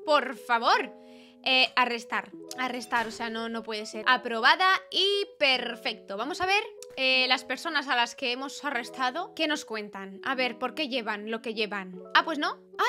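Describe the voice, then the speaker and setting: A woman's voice: high-pitched, sharp tone. Young woman, gaming commentary, chatty, playful, close mic, faint background music. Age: young adult. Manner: chatty, playful, reads game dialogue aloud. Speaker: gaming youtuber. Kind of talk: casual game commentary. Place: small bedroom with purple light. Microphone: studio mic on arm, close.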